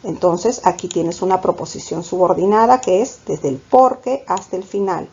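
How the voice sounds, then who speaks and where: Her voice is fairly low, warm and slightly breathy, moving at a moderate pace, and the recording's highs are cut off. She's a Peruvian Spanish-accented language teacher lecturing on grammar, posing questions to her "chicos" and then answering them herself.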